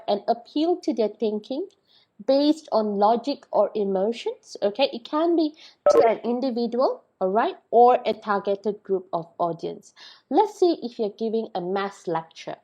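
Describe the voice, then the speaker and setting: A hoarse woman lecturer with a Malaysian English accent, giving a recorded online lecture and checking in often with "all right" and "okay". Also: on the high side, lively intonation, measured pace, mellow, highs cut off. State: hoarse, recovering. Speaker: university lecturer.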